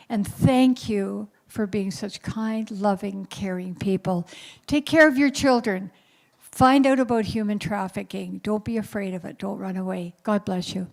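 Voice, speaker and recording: Gravelly-voiced woman in her seventies. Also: mid-range voice, a little mellow. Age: 70s. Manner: earnest, exhorting, faith-filled. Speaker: conference speaker. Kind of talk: inspirational talk to an audience. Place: conference breakout room.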